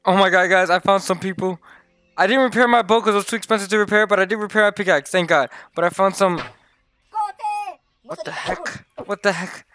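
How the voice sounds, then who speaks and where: Excitable young man narrating his game. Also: high voice, fast talker, soft background music. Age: young adult. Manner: excitable, talks to viewers as "guys", exclaims "oh my god" often. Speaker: gaming YouTuber. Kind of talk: casual Let's Play commentary.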